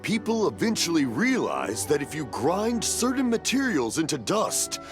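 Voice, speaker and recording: Cheery deaf old grandpa type, chuckles, rambles, music playing. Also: male voice, fairly high pitch, wildly swooping pitch, normal speed. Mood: cheerful, rambling. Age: older. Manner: rambling, mishears and repeats himself, chuckles. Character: cheerful old hard-of-hearing fireworks maker. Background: game music.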